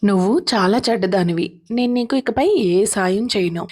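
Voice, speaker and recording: A woman's voice: medium pitch, moderate pace, darkish tone, breathy edge, close to an everyday voice. A woman doing a stubborn irritated young boy.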